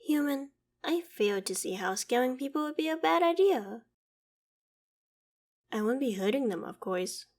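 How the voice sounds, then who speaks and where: In a scripted audio roleplay monologue, a woman with a mid-range voice plays a proud, ancient female dragon who sounds indignant. She uses formal, archaic phrasing and a haughty, theatrical manner, though a fondness for humans still shows through.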